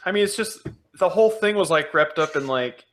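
A man's voice: sits high, lively intonation, fairly quick, fairly bright tone. A man co-hosting a podcast, chatting casually and telling stories with laughter and animation. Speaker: podcast co-host. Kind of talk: casual chat.

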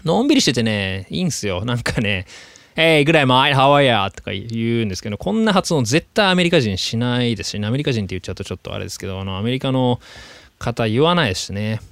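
A man hosting a podcast, talking in a chatty, animated way with drawn-out fillers. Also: medium pitch, vocal fry, no room sound. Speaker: podcast host. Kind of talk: casual podcast monologue. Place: lives in Sydney.

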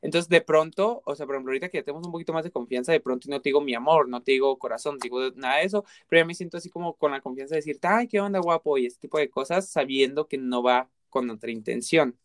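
A man's voice: medium pitch, rapid-fire, hardly any pauses, dry recording. A man with a Mexican accent in casual conversation, talking earnestly and explaining his views at length with many examples. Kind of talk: casual chat.

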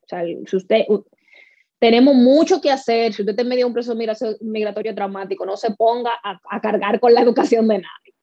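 Woman, from the Dominican Republic, mellow dark voice, muffled dry recording. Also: a little high, fast talker, no echo. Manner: candid, earnest, mixes English words. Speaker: guest. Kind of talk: interview conversation.

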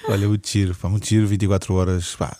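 A man's voice: low-pitched, little pitch movement, fast talker, warm tone, no echo. A man with a European Portuguese accent hosting a casual interview, asking his questions with hesitant restarts. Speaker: podcast host.

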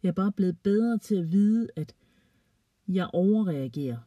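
A woman gently reading a children's story aloud, playfully voicing the characters. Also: medium pitch, animated, no room sound, recorded from a distance, dull audio.

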